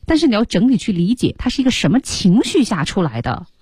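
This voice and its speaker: A woman's voice: mid-range voice, sing-song, quick pace, a little mellow, husky, no room sound, studio quality. A woman co-hosting an English lesson on a radio program, guiding students and repeating English lines expressively. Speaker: radio English teacher, co-host. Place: radio studio.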